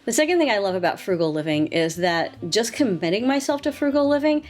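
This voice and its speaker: A woman in her sixties hosting her own channel, talking to camera in an earnest, gently encouraging way. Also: medium pitch, very animated, brisk. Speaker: lifestyle channel host. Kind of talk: casual talk to camera.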